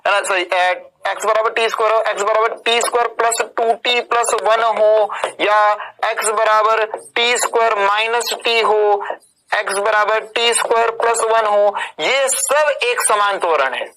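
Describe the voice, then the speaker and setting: A man lectures on physics for online exam prep in a high, bright, forceful voice, speaking a little slowly over poor audio with slight hiss or hum. He stays emphatic and casual, repeatedly tagging questions to check on students, calling them "beta" and "bhaiya," and joking informally as he explains.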